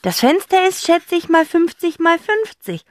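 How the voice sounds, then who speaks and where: A woman's voice: extremely high pitch, big pitch swings, measured pace, dry recording, studio quality, voice pushed up, heavily acted. A woman voicing a clever, eager boy detective in a children's audiobook. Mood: reasoning.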